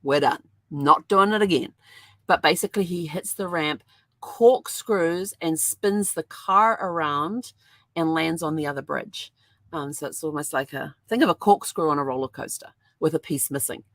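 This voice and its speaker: Woman host, deep with some vocal fry, rambling casual storyteller. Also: moderate pace, no room sound. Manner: rambling, chatty storytelling with many fillers. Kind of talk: casual chat.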